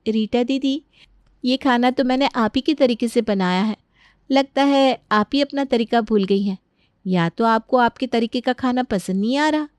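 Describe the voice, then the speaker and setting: An earnest young daughter-in-law from a cartoon story, as a woman plays her, with a fairly high voice. She protests in pleading, indignant questions. The recording is close and dry. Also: normal speed, a little mellow, dry recording, close to an everyday voice.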